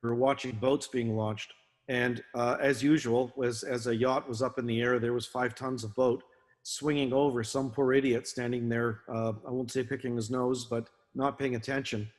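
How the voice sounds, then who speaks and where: A man giving a talk as a guest speaker, telling stories in a halting way with many fillers and restarts. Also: mid-range voice, flat delivery. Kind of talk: talk to a naval association, storytelling. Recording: long reverb.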